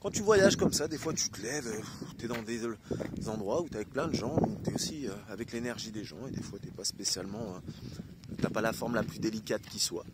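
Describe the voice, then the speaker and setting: Talking casually to the camera, a man from France delivers a spiritual vlog monologue that meanders and leans heavily on filler words. He speaks briskly in a lowish voice, and the recording is very noisy.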